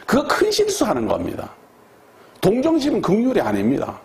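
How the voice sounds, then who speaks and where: A man's voice: high voice, wildly swooping pitch, a little fast, vocal fry, darkish tone. A man preaching a sermon as pastor, emphatic and conversational, repeating key words for stress and putting questions to the congregation.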